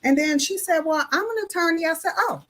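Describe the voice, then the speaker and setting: A high-voiced woman tells a story as a guest on a live talk show, doing the voices of each person in it. Her tone is bright and ringing, her speech casual and colloquial, with open talk of faith. She comes through a video call. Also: brisk. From Illinois. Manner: lively storyteller who acts out each voice in the tale. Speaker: notary guest.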